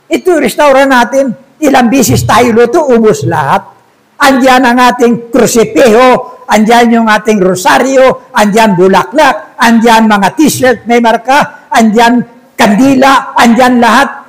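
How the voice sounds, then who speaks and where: A man's voice: high-pitched, full character voice, low-quality recording. A man voicing an older male restaurant owner who talks in blunt, broken, clipped phrases.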